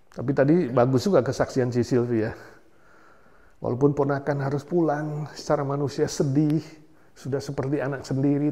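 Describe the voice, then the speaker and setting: A man with an Indonesian accent preaching a sermon as pastor, animated, swinging from soft to loud and mixing in English words. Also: mid-range voice.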